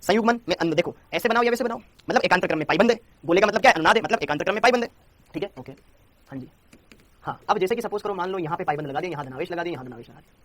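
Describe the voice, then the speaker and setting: A man's voice: sits high, racing, a bit bright. A young man teaching a chemistry lecture, repeating points and coaxing his students to answer. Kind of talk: Hindi classroom lecture.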